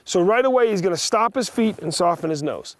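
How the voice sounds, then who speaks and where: A man teaching a riding lesson, giving brisk, projected commands in short directives along with plain, practical explanation. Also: high voice, expressive, no room sound. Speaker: horse riding instructor. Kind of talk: hands-on riding lesson, instructing a student.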